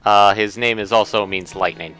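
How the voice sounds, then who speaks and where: A man's voice: on the low side, fairly even intonation, normal speed, bright, forceful tone, soft background music. A man streaming a video game, chatting casually with a co-host and rambling with lots of filler words and restarts.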